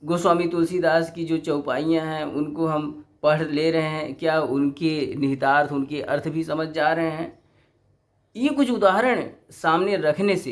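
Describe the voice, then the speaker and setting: A middle-aged man giving an explanatory lecture as a teacher educator, deliberate and posing rhetorical questions to his listeners. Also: fairly high pitch.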